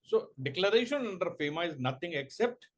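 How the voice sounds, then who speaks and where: A man giving a law coaching lecture, quizzing students and slowly dictating points word by word. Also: high voice, sing-song, fairly bright tone. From India. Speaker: professor.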